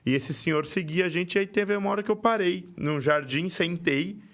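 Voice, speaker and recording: A man's voice: high voice, moderate pace. A man hosting a podcast, telling a story in casual chat and acting out the voices in it. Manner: animated, acts out quoted dialogue. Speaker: podcast host.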